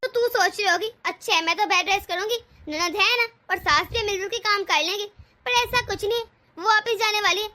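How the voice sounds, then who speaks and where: A woman's voice: extremely high pitch, fairly quick, bright, forceful tone. A woman voicing a harsh, sarcastic older mother-in-law in a cartoon story. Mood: scolding. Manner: taunting, sarcastic. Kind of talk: cartoon voice acting.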